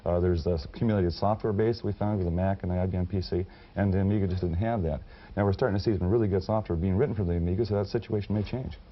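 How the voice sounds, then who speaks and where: A man's voice: low-pitched, steady tone, fast talker. A man in his forties explaining things as a co-host in a studio discussion. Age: 40s. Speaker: co-host commentator. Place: television studio. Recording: dull vintage TV studio sound.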